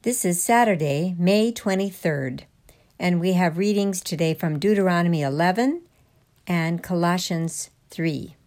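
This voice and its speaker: A woman co-hosting a devotional program, reading scripture aloud in a measured, plain way. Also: lowish voice, a little mellow. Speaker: co-host and scripture reader.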